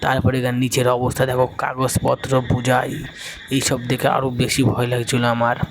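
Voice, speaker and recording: Man calmly narrating a vlog. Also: medium pitch, brisk, vocal fry, background noise. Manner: casual, describing what is shown. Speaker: vlogger. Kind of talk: narrated exploration vlog voice-over.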